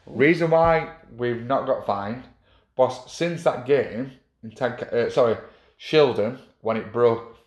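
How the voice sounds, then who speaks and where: A man's voice: mid-range voice, takes it slowly, a little mellow, roomy sound. A man, chatting casually as a club official, rambling with many fillers and restarts. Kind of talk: casual chat.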